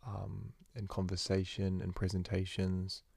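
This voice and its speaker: A young man, a university student, rambling through a casual spoken journal into his phone, talking fast and correcting himself as he goes. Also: low voice, completely flat delivery, vocal fry, darkish tone, slightly rough, dry recording, studio quality. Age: young adult. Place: indoors at home. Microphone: phone recording.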